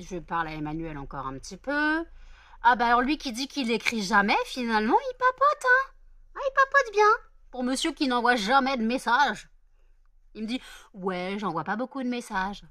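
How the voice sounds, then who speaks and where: A woman talks casually through a home vlog, rambling and correcting herself as she goes. Her voice sits at an ordinary pitch. The recording is close and dry, with no room sound. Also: a bit bright, dry recording. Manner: rambling, many fillers and self-corrections. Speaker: vlogger. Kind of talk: casual daily vlog chat.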